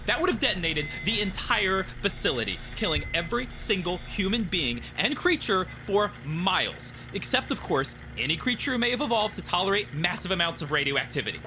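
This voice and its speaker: A man voicing a furious woman reactor technician who shouts. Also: high-pitched, big pitch swings, fairly quick, few pauses, noisy background, pitched above the performer's own voice.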